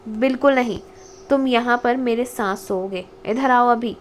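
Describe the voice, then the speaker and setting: Sharp-tongued young mother in an audiobook romance, curt and scolding, read by a woman; fairly high voice. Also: unhurried, slight background noise, natural voice. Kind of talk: audiobook character reading.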